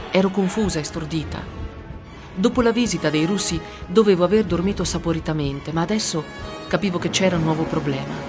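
A narrator reading a first-person story aloud with steady storytelling. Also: medium pitch. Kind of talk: audiobook narration. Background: music.

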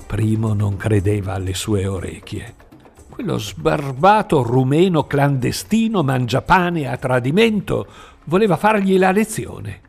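Gravelly male audiobook narrator. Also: medium pitch, sing-song, over music. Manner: measured storytelling. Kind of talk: scripted narration.

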